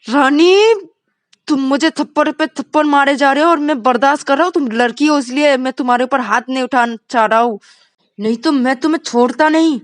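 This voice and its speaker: Woman voicing a shouting, hot-tempered young man. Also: fairly quick, dry recording, studio quality, natural voice. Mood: angry shouting. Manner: shouting, indignant, high-pitched.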